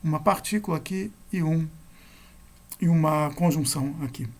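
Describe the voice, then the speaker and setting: A man's voice: fairly high pitch, normal speed. A man giving a recorded grammar lecture, explaining rules step by step and correcting himself as he goes. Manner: methodical, self-correcting explanation. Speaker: Greek grammar teacher.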